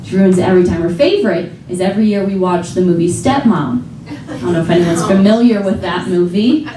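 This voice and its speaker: A woman's voice: lowish voice, a little fast, mellow. A young woman from a small American town doing stand-up comedy on a theater stage, wry and exasperated, often laughing through her lines. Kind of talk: stand-up set. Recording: roomy live venue audio with crowd laughter, taped from a distance. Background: audience laughter.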